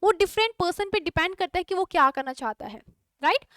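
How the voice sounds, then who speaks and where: Her voice is extremely high-pitched, a little fast, fairly bright, and full of lively intonation. The young woman, speaking with an Indian English accent, leads a chatty online exam-prep lesson, blending Hindi with English and quizzing her class, in clean studio audio with no room sound.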